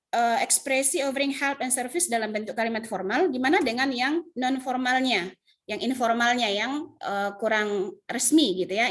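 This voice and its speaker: Indonesian woman teaching English phrases. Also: fairly high pitch. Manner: explains patiently, repeats English phrases with Indonesian glosses. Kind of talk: online class lesson. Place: home. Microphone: video call.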